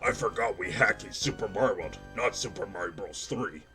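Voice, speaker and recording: A man's voice: fairly low pitch, expressive, fairly quick, bright, forceful tone, faint music behind, voice pushed down. A man putting on an evil boss voice. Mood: gloating. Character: evil male castle boss, gloating and boastful. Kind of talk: reading in-game messages aloud in a put-on voice.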